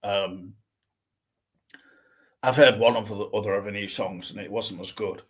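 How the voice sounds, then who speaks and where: A man's voice: on the low side, steady tone, a little slow, breathy edge. A middle-aged man co-hosting a casual chat, speaking in a hesitant, rambling and thoughtful way.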